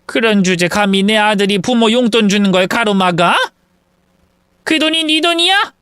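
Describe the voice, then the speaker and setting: A man voicing a bitter older mother-in-law who scolds and accuses in a shrill, raised voice. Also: lively intonation, moderate pace, fairly bright tone, clean tone, dry recording, clean studio sound. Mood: furious.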